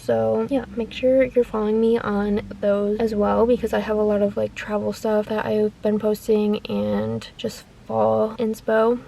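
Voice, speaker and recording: Chatty young woman with a gravelly edge. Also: on the high side, warm tone, slight background noise. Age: 20s. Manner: chatty and rambling, talking straight to viewers. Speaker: lifestyle vlogger. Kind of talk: casual day-in-the-life vlog chat.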